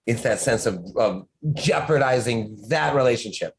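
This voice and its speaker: A man's voice: mid-range voice, animated, normal speed, creaky, a little hiss or hum, poor audio. A man who writes horror, a podcast guest talking in casual chat, rambling and restarting his sentences often.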